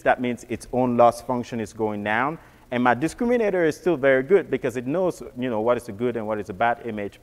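Man, technical walkthrough, mid pitch, halting restarts, reverberant hall. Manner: casual, repeats words and restarts often. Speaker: presenter.

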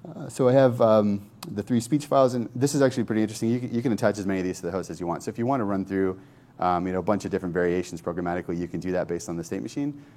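A man casually demonstrating software on screen, thinking aloud in a loose, conversational way. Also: lowish voice, rapid-fire. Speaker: software developer demoing a tool. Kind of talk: informal screen-share tech demo.

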